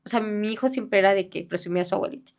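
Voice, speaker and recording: A middle-aged woman speaking in a halting, soft-spoken way, with many fillers and restarts, as a bereaved mother giving an interview. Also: medium pitch. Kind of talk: personal testimony in an interview.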